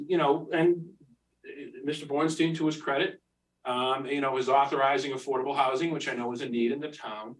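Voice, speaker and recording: At a planning board hearing in a town meeting room, a man gives a heated public comment riddled with fillers and restarts. His voice is medium-pitched and fairly bright, but it's recorded from a distance with poor audio.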